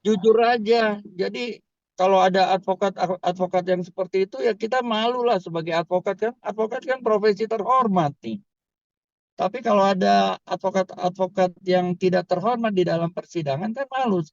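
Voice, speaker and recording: A man's voice: high voice, normal speed, dry recording, highs cut off. A man, a criminal law expert, answering interview questions in an emphatic, explanatory way. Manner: emphatic, explanatory, repeats "kan" and "tuh".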